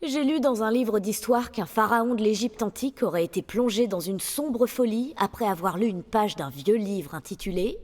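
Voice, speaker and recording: A woman's voice: mid-range voice, moderate pace, few pauses, darkish tone, natural voice. An actress playing a playful, bookish young female sorceress in a French video game dub, talking with a teasing lilt.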